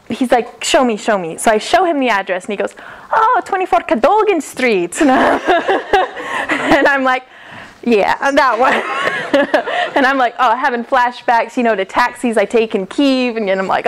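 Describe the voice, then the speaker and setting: American woman telling a story, laughing often. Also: fairly high pitch. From United States. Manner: chatty, laughs often, acts out quotes. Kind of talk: live personal storytelling. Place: classroom-style hall, indoors. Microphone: far camera.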